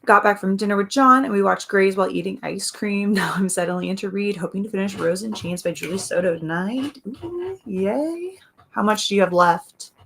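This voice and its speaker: Raspy-voiced woman chatting on a livestream. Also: mid-range voice, moderate pace, fairly bright tone. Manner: chatty, reads comments aloud, laughs often. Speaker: livestream host. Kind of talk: casual chat reading viewer comments.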